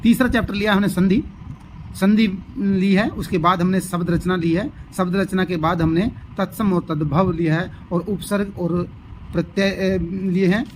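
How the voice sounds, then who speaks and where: A man's voice: high-pitched, steady tone, moderate pace, slight background noise, low-quality recording. A man teaching a lesson, giving an overview of the chapters and repeating key terms as he explains them.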